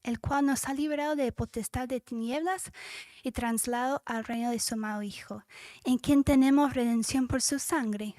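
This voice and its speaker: A woman with a high voice leads a devotional Bible teaching. She reads scripture aloud, now and then sinking to a whisper, and speaks with feeling, stopping to correct herself. The sound is dry and close, with no room around it. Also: fairly even intonation, normal speed, darkish tone, no room sound. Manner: emotional, with self-corrections.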